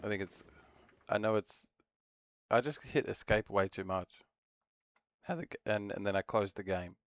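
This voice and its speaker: A man's voice: lowish voice, normal speed, clear, resonant tone, dry recording, highs cut off. A man streaming a game, chatting casually with viewers and rambling to himself as he plays. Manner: rambling, talks to himself while playing. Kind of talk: casual live-stream chat.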